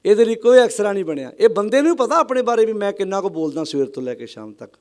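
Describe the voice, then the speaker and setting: Male preacher, high voice, emphatic sermon, rhetorical questions, slow chanted verses. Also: very animated, a little mellow. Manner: emphatic, with rhetorical questions and calls for the congregation to answer aloud; chants scripture lines slowly. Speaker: Sikh religious preacher. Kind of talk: sermon addressing a congregation.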